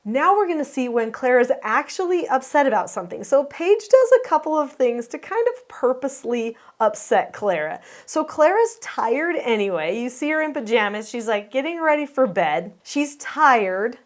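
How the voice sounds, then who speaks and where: A woman's voice: high voice, very animated, moderate pace, hardly any pauses. A woman hosting, earnestly explaining a home video to viewers and asking them questions. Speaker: host and parenting teacher.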